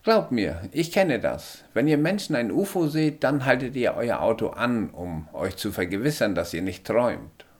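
A small male alien with a raised, lighter voice, as a man puts him on for an audiobook. He talks in clipped, factual statements and lectures calmly on how humans fall short. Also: mid-range voice, moderate pace, hardly any pauses, voice pushed up. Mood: curt. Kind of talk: audiobook character voice.

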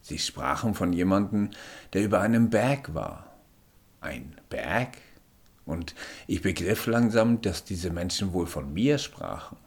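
A man reading a first-person story aloud in a measured, introspective way. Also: sits low, animated. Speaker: narrator. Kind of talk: first-person audiobook narration.

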